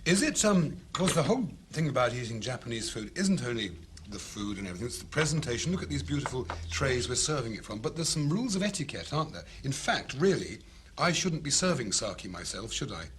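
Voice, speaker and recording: A man's voice: medium pitch, very animated, a little fast, background noise. A man hosting a cooking show, chatting enthusiastically and theatrically with his guests. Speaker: cookery show host. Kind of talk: lively on-set chat.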